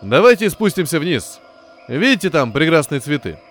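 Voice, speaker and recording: A man voicing a brisk, unflappable airship captain who speaks loudly and with authority. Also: fairly high pitch, sing-song. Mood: breezy. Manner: loud, brisk, commanding.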